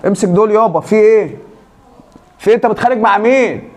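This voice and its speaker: A man's voice: high-pitched, fast, lightly acted. A man with an Egyptian accent playing a proud, protective brother who boasts and keeps pressing with questions. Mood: indignant. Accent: Egyptian Arabic.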